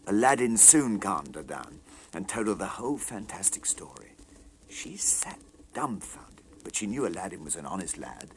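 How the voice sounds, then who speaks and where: A man's voice: low-pitched, sing-song, moderate pace, a little hiss or hum. A man narrating a scripted children's story dramatically as its storyteller.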